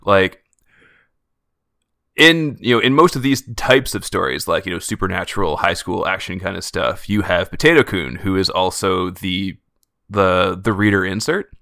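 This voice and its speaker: A low-pitched man with a gravelly, bright edge lays out his thinking in a loose, conversational way. The recording is dry, with no room sound. It is casual podcast chat. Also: moderate pace, no echo. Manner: thoughtful, explaining a theory at length. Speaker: podcast co-host.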